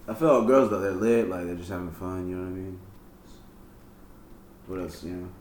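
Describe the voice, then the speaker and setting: A man's voice: sits low, steady tone, brisk, a little mellow. A young man in laid-back casual chat as a podcast co-host, slangy and saying bro a lot. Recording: roomy echo, faint background noise.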